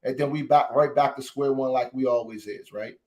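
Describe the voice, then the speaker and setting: A man's voice: mid-range voice, fairly quick, darkish tone. A man hosting a podcast, talking with emotion to his listeners and repeating phrases for emphasis. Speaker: podcast host. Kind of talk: impassioned commentary.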